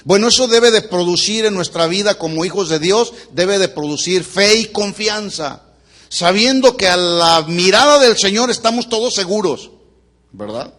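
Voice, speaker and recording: A man's voice: high voice, lively intonation, normal speed, fairly bright tone. A male pastor preaching a sermon to a congregation, teaching and quizzing them with questions. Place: church before a congregation.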